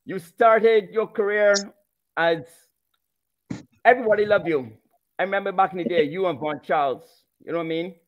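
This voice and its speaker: A man's voice: high-pitched, moderate pace, long pauses. A man co-hosting a talk show interview over a video call, prompting his guest with short, friendly questions. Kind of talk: casual interview. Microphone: headset on a video call. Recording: somewhat dull video call audio.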